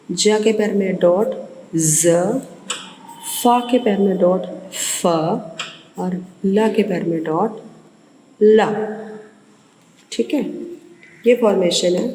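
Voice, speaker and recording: A woman's voice: medium pitch, warm tone. A woman school teacher, patient and methodical, sounding out letters one by one for young pupils. She is recorded in a roomy, echoing space with a long reverb tail. A faint hum of ambience sits underneath. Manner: patient, repeats letters slowly, calls pupils child. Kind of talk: online lesson teaching Punjabi letters.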